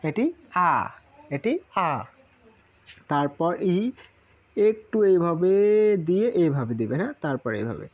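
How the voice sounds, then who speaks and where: A man's voice: a little high, big pitch swings, a little slow, long pauses, phone-quality sound. A man teaching a casual Japanese lesson, repeating syllables in lists and asking rhetorical questions. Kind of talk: casual spoken lesson at a whiteboard.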